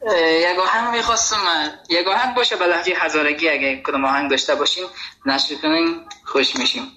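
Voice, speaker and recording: A man from Ghazni with a Hazaragi accent, calling a radio show and slowly explaining words. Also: fairly high pitch, sharp tone, low-quality recording. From Ghazni, Afghanistan. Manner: slow, polite, explaining words. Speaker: caller.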